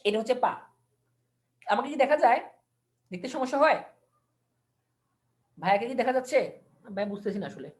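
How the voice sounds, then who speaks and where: A woman gives an online anatomy lesson in a quick, animated voice that sits a little high. She repeats key terms and keeps asking her listeners whether they follow. The sound comes over a video-call mic. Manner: mixes English terms into speech, repeats key words, quizzes listeners. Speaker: anatomy lecturer.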